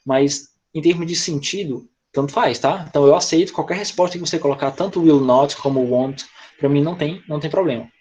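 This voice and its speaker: In an online English class held over video call, a male teacher with a Brazilian Portuguese accent explains grammar patiently, step by step. His voice sits on the high side, a little fast and a little mellow, and he keeps tossing in "tá?" and "né?".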